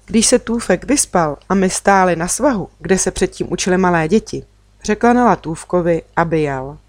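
A woman reads a children's story aloud in the first person, with an even, storytelling pace. Her voice sits on the lower side and comes across close and dry, with no room sound around it. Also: dry recording. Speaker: audiobook reader. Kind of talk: children's audiobook narration.

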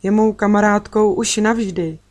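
Woman reading a kids story aloud in first person, steady and earnest. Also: mid-range voice. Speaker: audiobook reader.

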